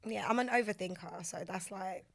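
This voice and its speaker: A young London woman who presents on radio and TV talks candidly as a guest on a casual podcast interview. Her mid-range voice is raspy today from being out a lot, she speaks fairly quickly, and she laughs easily.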